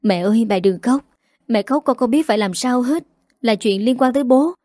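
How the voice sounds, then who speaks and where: A woman voicing a young office worker, a worried daughter who pleads gently, in a mellow dry voice. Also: on the high side, moderate pace, no room sound, close to an everyday voice.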